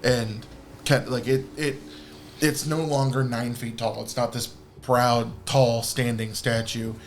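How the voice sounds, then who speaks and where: A man narrates a tabletop game as game master, rambling loosely and restarting his sentences. His voice sits in a middle range, and background music plays clearly behind him. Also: mid-range voice, little pitch movement, takes it slowly.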